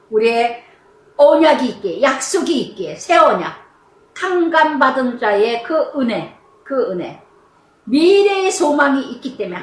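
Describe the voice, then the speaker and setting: Middle-aged woman pastor, high-pitched and animated, preaching casually in a reverberant room. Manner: animated, chatty preaching with rhetorical questions. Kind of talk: devotional Bible sermon.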